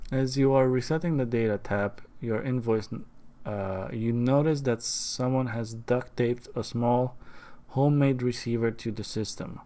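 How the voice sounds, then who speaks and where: A man's voice: mid-range voice, dark tone. A man streaming a game, chatting casually and reading the on-screen text aloud.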